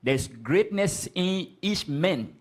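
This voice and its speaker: A man's voice: sits high, expressive, slow. A man leading a scripture class, speaking emphatically and often stopping to prompt the reader. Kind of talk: street-corner style Bible class teaching.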